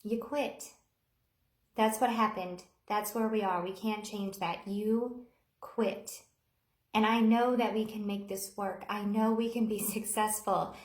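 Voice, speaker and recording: A woman voicing a blundering male boss who turns steady and reassuring. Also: a little high, roomy sound, lightly acted. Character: blundering male boss in a calm, firm moment.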